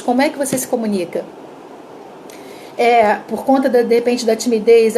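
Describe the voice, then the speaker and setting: A woman with a Brazilian Portuguese accent teaching communication in a live online class, her throat dry, in a lively manner that acts out little sample dialogues. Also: a little high, a little hiss or hum. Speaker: communication coach.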